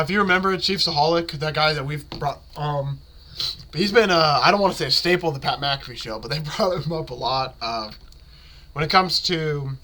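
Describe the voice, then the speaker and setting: A man's voice: fairly high pitch, bright, forceful tone. A man hosting a casual solo sports podcast while sick, sounding stuffed up with a blocked nose and phlegmy throat, in a rambling, slangy way.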